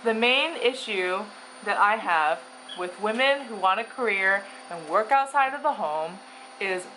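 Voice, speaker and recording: A woman's voice: medium pitch, lively intonation, a little slow, sharp tone, slight background noise, poor audio. A woman in her thirties giving an opinionated, stream-of-consciousness monologue at home while putting on her makeup. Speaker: vlogger.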